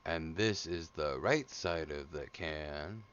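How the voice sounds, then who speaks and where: A man's voice: extremely low pitch, slow pace, a bit bright, clear, resonant tone, muffled recording. A man streaming a game live, joking crudely with chat and muttering repeated phrases to himself.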